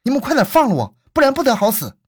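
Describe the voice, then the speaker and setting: A man voicing a bold woman shop owner in a spoken crime story, pushing his voice high and scolding. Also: wildly swooping pitch, racing, a little mellow, slightly rough, exaggerated voice. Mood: furious. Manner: scolding, shrill.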